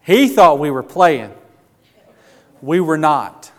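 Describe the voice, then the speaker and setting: Male preacher, earnest and emotional, slightly high voice, long hall reverb. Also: animated. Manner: earnest, emotional, slow emphatic phrasing. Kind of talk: sermon.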